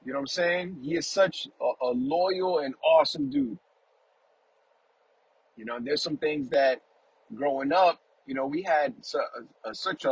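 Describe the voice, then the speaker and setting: Over poor audio, a male podcast host with a somewhat high, breathy-edged voice leads a casual talk about faith. His rambling is fond and warmly emotional about family, dotted with frequent "you know what I'm saying?"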